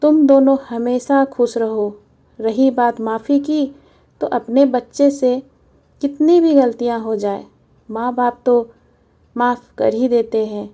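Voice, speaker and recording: A woman voicing a frail, humble old village grandfather in a storybook reading, speaking gently and softly. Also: a little high, steady tone, slow. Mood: forgiving. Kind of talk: storybook narration.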